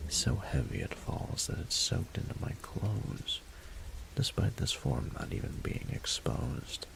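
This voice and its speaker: In a scripted romantic audio roleplay, a man plays a courtly, flirtatious adult male dragon lord in human form, using a full, sing-song character voice that rumbles. His very deep, gravelly voice comes as a breathy half-whisper, with slow, formal, archaic and seductive phrasing and a mildly weary mood.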